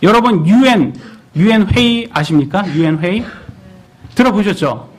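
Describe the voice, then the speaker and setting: A man's voice: high-pitched, normal speed, noisy background. A man in his thirties preaching a sermon in church, asking the congregation questions as he goes. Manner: animated, asks the congregation questions.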